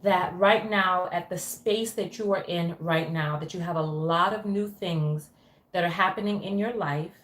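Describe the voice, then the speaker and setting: A woman's voice: fairly low pitch, unhurried. A woman hosting live call-in coaching, speaking in a guiding, conversational way. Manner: guiding, reflects back and checks in with questions. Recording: echoey, roomy sound.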